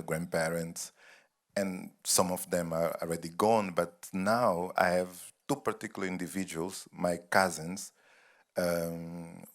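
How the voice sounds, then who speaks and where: A man from Angola moderating a festival panel, musing and searching for words as he talks. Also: low-pitched. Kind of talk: panel conversation.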